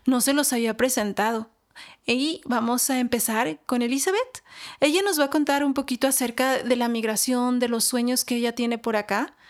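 A woman hosting a community radio show, introducing her guest in a friendly way. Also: fairly high pitch. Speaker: radio host.

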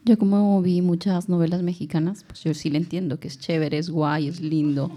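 A woman's voice: lowish voice, steady tone, mellow. A woman with an Ecuadorian accent taking part in a casual round-table chat, explaining things step by step and sometimes searching for words. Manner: explanatory, halting at times.

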